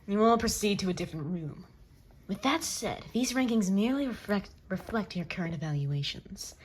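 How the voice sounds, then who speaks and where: A woman's voice: medium pitch, lively intonation, moderate pace, a little hiss or hum, close to an everyday voice. A woman voicing a stern, scheming male football coach who speaks in a cold, blunt, commanding way during a manga reading.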